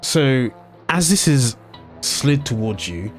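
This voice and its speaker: Male game master, mid pitch, casual and halting, lots of ums and swearing, faint music underneath. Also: animated. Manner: hesitant, many ums and self-corrections, casual swearing. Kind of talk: narrating a tabletop game.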